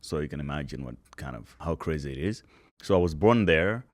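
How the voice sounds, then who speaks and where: A man, a guest telling his story in a relaxed, casual interview chat. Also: rumbling low, fairly quick. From Malawi. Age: 30s.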